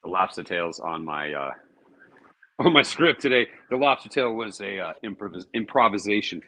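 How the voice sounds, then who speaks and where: A man with a low voice and a bright, forceful tone talks his way through a cookout. He chats casually and thinks aloud as he grills for his own cooking vlog. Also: lively intonation, moderate pace. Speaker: cooking show host.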